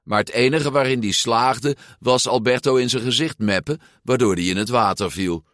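A man reading a children's story aloud with expressive, lively intonation. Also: mid-range voice, normal speed, no echo, clean studio sound. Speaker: storybook narrator. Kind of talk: storybook read-aloud narration.

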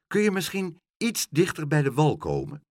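A man voicing a kind, excitable young boy in a children's storybook, in a high, bright boyish voice. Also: moderate pace, no echo, studio quality. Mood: eager. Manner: eager and excitable. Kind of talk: storybook reading.

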